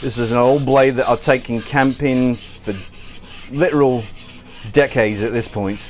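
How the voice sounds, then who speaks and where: A man's voice: mid-range voice, steady tone, a little slow, a little mellow. An American man hosting a casual cooking livestream, chatty and joking as he answers viewers while he works in his kitchen. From United States. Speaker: cooking show host.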